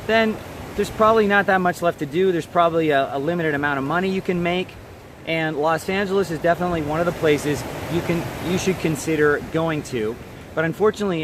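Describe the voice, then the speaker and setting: Guy giving acting career tips, kinda high voice, straight-talking, wind and traffic noise behind him. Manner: direct, emphatic, repeats "okay?" to check in. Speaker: acting coach. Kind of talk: advice monologue to camera.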